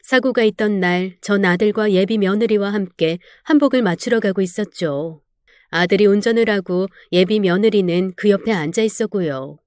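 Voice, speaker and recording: A woman's voice: medium pitch, normal speed, a little mellow, clean tone, no room sound, studio quality. A woman narrating a real-life story in the first person, with an emotional, dramatic delivery.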